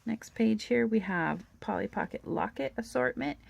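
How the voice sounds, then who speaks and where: A woman hosting a toy-collecting channel, chatting and gushing through a catalog in a hoarse voice. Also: fairly high pitch, expressive, normal speed. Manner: chatty, gushing, with little laughs. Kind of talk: casual show-and-tell of a toy catalog.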